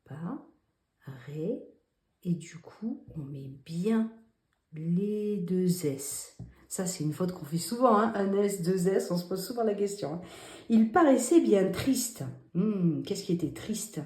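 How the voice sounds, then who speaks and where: A woman's voice: lowish voice, lively intonation, measured pace, a little mellow. A woman teacher walking children through a spelling exercise, patient and step by step, asking them questions as she goes. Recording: roomy echo.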